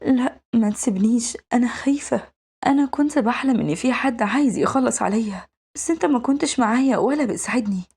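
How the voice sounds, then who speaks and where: A woman's voice: fairly high pitch, lively intonation, rapid-fire, warm tone, husky, voice pushed up. A woman doing a sweet, pleading young Egyptian girl. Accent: Egyptian Arabic. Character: clingy young woman orphan raised by the boss.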